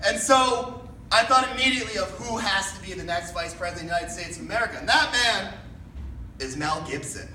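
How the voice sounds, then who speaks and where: Rambling young comedian in an echoey room. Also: male voice, sits high, lively intonation, brisk, bright, forceful tone. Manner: rambling, filler-heavy, acts out characters. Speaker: stand-up comedian. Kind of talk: stand-up storytelling. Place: comedy club stage. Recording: roomy room, distant mic, background noise.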